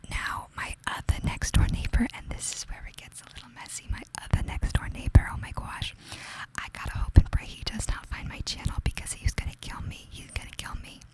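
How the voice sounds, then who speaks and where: A woman's voice: fairly quick, hardly any pauses, poor audio. A young woman with a New York accent telling a gossipy, casual ASMR story in a whisper, confiding and chatty, often saying "like". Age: young adult. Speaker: ASMR creator.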